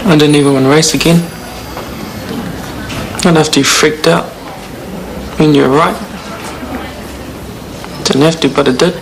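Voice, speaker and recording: A man's voice: fairly high pitch, steady tone, unhurried, gravelly, long pauses. An actor with a broad New Zealand accent playing an earnest, guilt-ridden young man in a TV soap. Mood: subdued regret. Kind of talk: naturalistic TV soap acting. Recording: noisy TV soap scene.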